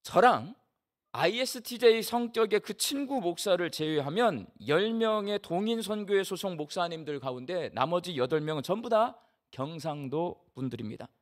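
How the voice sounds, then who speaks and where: A middle-aged male pastor from the Jeolla region delivers a sermon like a story told to friends. His voice sits on the high side and swings widely as he keeps asking the congregation questions. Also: animated, normal speed. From Jeolla region, Korea. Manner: conversational, storytelling, often asks the congregation questions.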